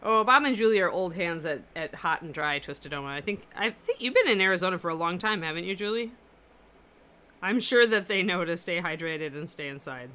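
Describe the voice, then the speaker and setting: Talking a little fast, this woman has a lowish, expressive voice with a bright, forceful tone that is powerful and carries. She hosts a livestream of miniature painting from her apartment, chatting casually and answering viewer comments while she paints.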